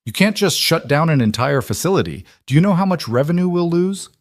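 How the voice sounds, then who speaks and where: A man's voice: fairly low pitch, a little fast, slightly rough, no room sound, clean studio sound. A man voicing a stubborn facility manager defending his plant. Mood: defensive.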